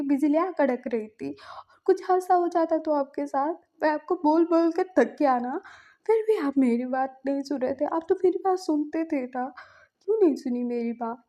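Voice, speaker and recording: A woman's voice: high-pitched, normal speed, mellow. A woman voicing a distraught young man who pleads tearfully and repeats himself at a sickbed. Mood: pleading. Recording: dull lo-fi recording.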